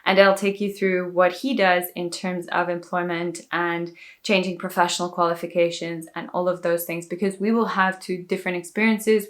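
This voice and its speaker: Her voice low-ish yet fairly bright, a vlogger from South Africa chats to the camera and explains each step in turn. Years in Dubai have given her South African accent a distinctive lilt.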